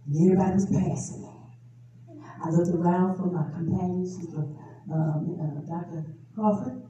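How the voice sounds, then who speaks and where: A woman preaching a testimony sermon, moving from low storytelling to loud, emotional preaching. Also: steady tone, normal speed, dull audio. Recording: echoey room from far off, background noise.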